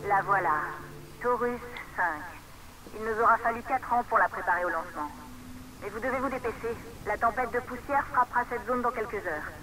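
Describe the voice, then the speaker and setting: An actress voicing a woman at mission ground control, giving crisp, procedural instructions over a radio transmission in a video game. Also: fairly high pitch, brisk, music in the background, rough recording. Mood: urgent, businesslike.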